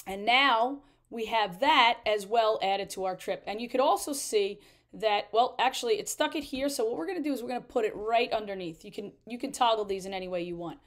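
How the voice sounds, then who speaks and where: A woman in her thirties, an RV travel vlogger, explaining a trip-planning tool step by step in a chatty way. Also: a little high. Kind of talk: screen-share tutorial walkthrough.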